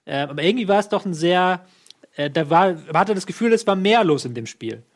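A man with a notably high voice holds forth in a casual football chat. He argues his case at length, circling back with fillers and half-finished starts. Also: animated, brisk. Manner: argumentative, rambling with lots of fillers. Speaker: football pundit.

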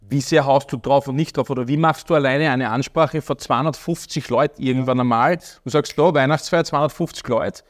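A man's voice: mid-range voice, fairly even intonation, a little fast, few pauses. A man interviewing a guest, talking in long emphatic ramblings with frequent restarts. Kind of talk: casual interview talk.

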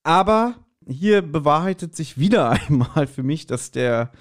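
A man with a fairly high, expressive voice speaks a little slowly while co-hosting a podcast. He chats casually, recapping and reviewing an audio drama with frequent amused asides.

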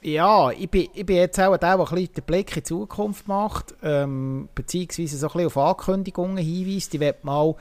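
A man's voice: high voice, moderate pace, hardly any pauses, a little mellow. A man, co-hosting a film podcast, speaking thoughtfully with frequent fillers. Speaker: podcast co-host. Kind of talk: casual film review chat.

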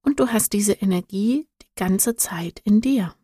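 Noah, a calm wise guide, read by a woman. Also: medium pitch, unhurried, slightly rough, no echo, clean studio sound. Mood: gentle. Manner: gentle, calm and explaining. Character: calm wise male guide, gentle and patient. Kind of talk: storybook reading.

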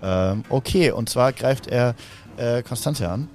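A man running a tabletop game as game master, talking in a halting way with many fillers. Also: faint music behind. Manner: hesitant, many fillers, jumps into high shouted character voices.

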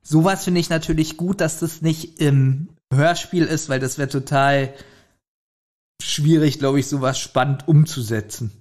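A podcast co-host gives his informal, opinionated take on an audio drama's story in casual chat. His voice sits on the high side, a little mellow, and he speaks at a measured pace.

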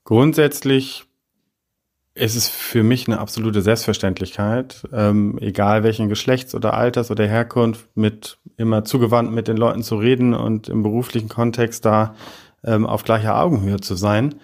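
A middle-aged man from Heidelberg, guest on a podcast interview, talking in a measured, hesitant way with frequent fillers. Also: fairly low pitch, fairly even intonation, creaky, a little mellow. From Heidelberg, Germany. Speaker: podcast guest, business consultant.

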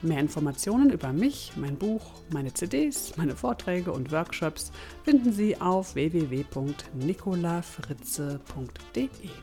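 Casting: a female podcast host with a low voice, storytelling narration, direct and formal to listeners. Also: sing-song, unhurried, faint music behind. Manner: warm, addressing listeners formally.

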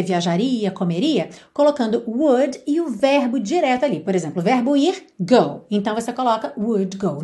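Brazilian lady teaching english, patient, says phrases slow and clear, voice jumps around a lot. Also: on the high side, mellow. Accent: Brazilian Portuguese. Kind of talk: English lesson for Portuguese speakers.

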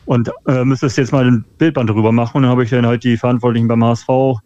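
A man's voice: mid-range voice, fairly even intonation, fast talker, mellow, dry recording. A man calling in over the phone as a guest, chatting casually and hesitantly with lots of filler sounds. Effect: over the phone, a WhatsApp call. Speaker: phoned-in guest, hobby photographer. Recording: dull, dry phone line.

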